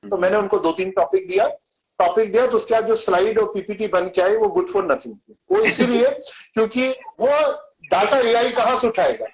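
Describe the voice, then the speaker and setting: A man with a notably high-pitched voice speaks on a video call. He explains patiently, repeating syllables to show how each sound is made. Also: lively intonation, normal speed, low-quality recording. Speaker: Sanskrit and yoga teacher. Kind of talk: explanatory online Q&A answer.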